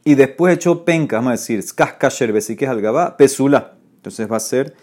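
A man teaching a Talmud class online. He explains the Gemara lively, mixes Hebrew and Aramaic terms into his speech and rises sharply when he quotes the rabbis. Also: medium pitch, brisk.

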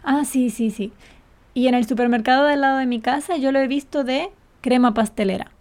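A woman's voice: high voice, a little fast, a little mellow. A woman co-hosting a casual podcast, explaining words patiently and laughing often. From Canary Islands. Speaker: podcast co-host and Spanish teacher. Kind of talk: casual chat.

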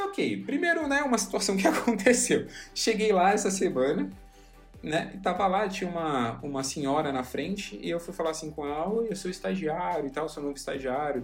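Chatty young man, self-mocking. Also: mid-range voice. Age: young adult. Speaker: podcast host. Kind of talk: casual monologue.

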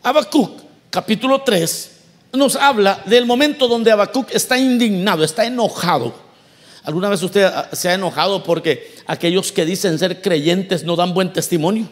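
A man preaching with a high, light voice. He talks to his congregation in a conversational way, keeps asking them questions and acts out the voices he quotes. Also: moderate pace, in a large hall. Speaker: pastor. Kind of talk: sermon.

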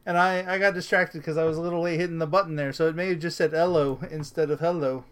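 Man, podcast co-host, casual chat, rambling, hesitant, slightly high, smooth voice. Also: steady tone, quick pace, a bit bright. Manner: rambling, hesitant, many fillers and restarts.

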